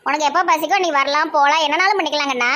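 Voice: sits high, racing, pushed and bright. A performer with a Tirunelveli accent in a comedy sketch, talking in a doting, gushing way that fusses over everyone. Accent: Tirunelveli Tamil. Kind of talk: scripted comedy sketch acting.

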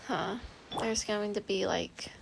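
A woman's voice: medium pitch, steady tone, slow, creaky, slight background noise, low-quality recording. A woman streamer giving casual, musing gameplay commentary and addressing chat as y'all. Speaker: game streamer. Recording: game music playing behind.

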